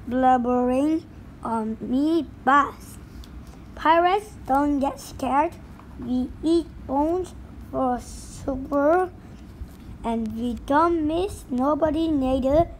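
A woman reading aloud voices a blustering storybook pirate captain who now drives a bus, keeping the pitch high and the delivery slow and drawn out, thick with pirate slang and growled arrs. The mood is hearty, with boasting on the surface and easy rattling underneath. The low-quality recording carries slight background noise.

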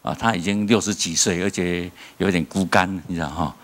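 Low-voiced Taiwanese Mandarin preacher, lively. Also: male voice, a little fast. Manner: lively storytelling preacher, asks rhetorical questions, chuckles at own jokes. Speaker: pastor. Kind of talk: sermon. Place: church.

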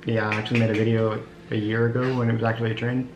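A woman's voice: rumbling low, little pitch movement, rapid-fire, highs cut off. A young woman hosting a casual home kitchen vlog, chatty and explaining each step as she goes. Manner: chatty, explains steps, laughs often. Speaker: vlog host. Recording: echoey room with music behind.

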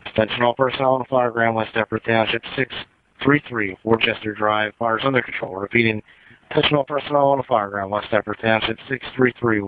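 A man working as a county fire dispatcher, reading out an announcement to all crews on a radio channel that sounds like a loudspeaker, in a crisp, repeated callout. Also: mid-range voice, fairly even intonation, brisk. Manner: crisp, repeated public-address style callout. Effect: tinny radio broadcast like a loudspeaker. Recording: tinny scanner radio with faint static.

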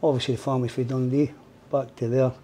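A man's voice: mid-range voice, flat delivery, fast, dark tone, slight background noise. Blunt Scottish man in his fifties. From Scotland. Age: 50s. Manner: blunt, plain-spoken, says "mate" often. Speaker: guest. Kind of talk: casual interview. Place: indoor studio with mural wall. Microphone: lapel.

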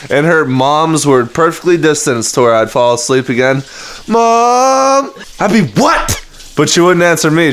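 A man vlogging casually about his family, telling stories with lively quoted voices. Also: clear, resonant tone. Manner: animated storyteller, jumps into shrill voices for quotes. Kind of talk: casual family vlog chat.

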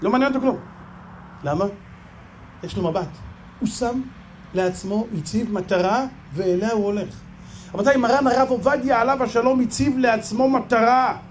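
In an extremely high-pitched voice, pausing often, an Israeli Hebrew-accented rabbi animatedly tells stories in his sermon and acts out the conversations. A faint hiss or hum sits in the recording.

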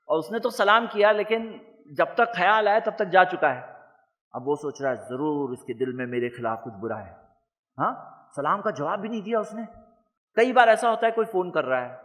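A man giving a religious lecture to an audience, animated, asking questions and having the crowd repeat his points. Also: sits high, in a large hall. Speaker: Islamic lecturer.

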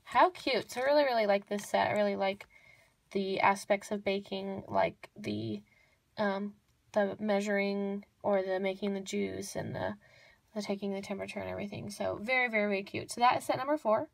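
Young woman, mid pitch, dry close sound; casual gushing show-and-tell narrator who doubles words for emphasis. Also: fairly even intonation, normal speed, gravelly, dry recording. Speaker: toy unboxing vlogger. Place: indoors at a table. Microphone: off-camera voice over hands-on tabletop close-up.

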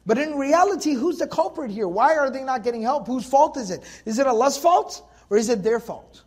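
A man's voice: very high-pitched, lively intonation, a little fast, darkish tone. A man teaching Quran commentary in a lecture, emphatic and conversational, driving his points home with rhetorical questions. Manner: conversational, addresses listeners as folks.

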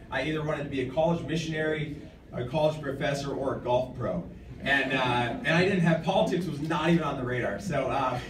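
Standing at a podium in a hotel function room, a nonprofit director in his thirties from the US accepts an award in a halting, informal way, frequently repeating words. He has a mid-range voice. A camera in the audience captures the podium microphone, giving a distant, echoey room sound with clear background noise.

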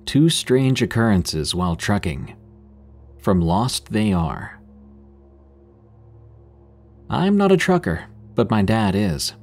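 A man with a deep, low voice narrates first-person horror stories. He tells them in a steady, measured way. Faint music runs quietly beneath his voice.

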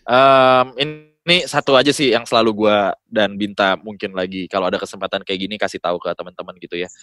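A man's voice: fairly low pitch, steady tone, a little fast, a bit bright, no room sound. A young adult man with a Jakarta accent, a guest voice-over talent chatting casually and mixing in English words. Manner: colloquial, peppered with English words. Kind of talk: casual podcast chat.

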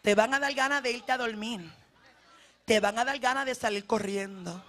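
A woman evangelist preaching a fervent sermon, often shouting, speaking straight to her congregation. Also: fairly high pitch, moderate pace. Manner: direct address to the congregation.

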